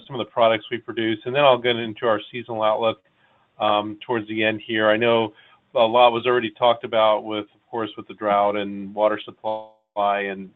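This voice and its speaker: Halting man presenting over video call. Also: lowish voice. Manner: halting, many uh and um pauses. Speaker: meteorologist presenting. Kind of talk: webinar presentation. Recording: tinny phone-like call audio.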